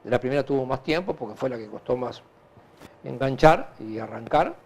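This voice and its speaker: A man with a Uruguayan Spanish accent answering conversationally in an interview, halting and repeating himself as he recounts anecdotes. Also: medium pitch. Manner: animated, halting and repetitive, with frequent filler tags. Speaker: interview guest, hospital director.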